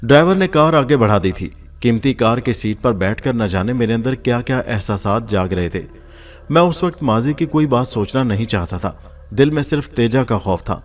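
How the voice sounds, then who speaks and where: A man narrating a story in the first person in a measured, steady storytelling manner, as an audiobook reader. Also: medium pitch.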